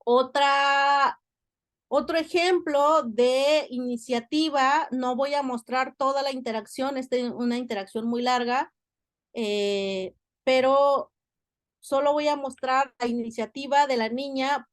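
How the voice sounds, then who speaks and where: Brief: woman academic, high voice, dry close sound, careful explaining with filler pauses. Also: steady tone, dry recording. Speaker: university lecturer. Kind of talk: academic lecture.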